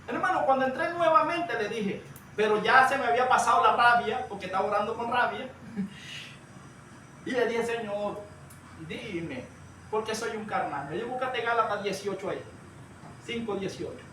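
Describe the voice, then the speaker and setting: Man, preacher, high voice, storytelling sermon, recorded from a distance in a roomy hall. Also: fairly quick. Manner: storytelling, addresses listeners as brother, rises to shouts. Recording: echoey room, far from the mic, light noise.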